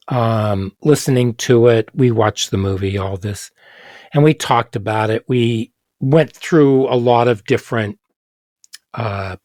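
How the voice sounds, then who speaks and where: A man's voice: medium pitch, dry recording, clean studio sound. An older man, a longtime teacher, telling a classroom anecdote in casual chat and acting out the exchanges.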